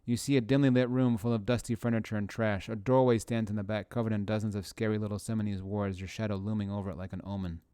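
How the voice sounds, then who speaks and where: A man's voice: on the low side, steady tone, quick pace, few pauses, mellow, clean tone, no echo, studio quality. A man streaming a video game, reading the game text aloud and making casual, playful comments to his chat, with frequent swearing and laughing.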